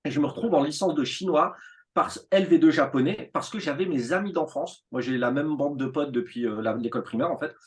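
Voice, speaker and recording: A man in his thirties, a teacher telling his school story in a relaxed interview, animated and full of fillers and restarts. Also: a little high, brisk. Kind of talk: casual conversational interview.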